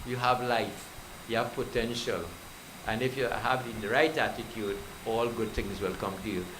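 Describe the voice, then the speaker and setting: A man's voice: medium pitch, steady tone, moderate pace, noisy background. A male pundit preaching a devotional sermon, telling scripture stories and exhorting the devotees. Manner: exhorting, storytelling, addresses devotees.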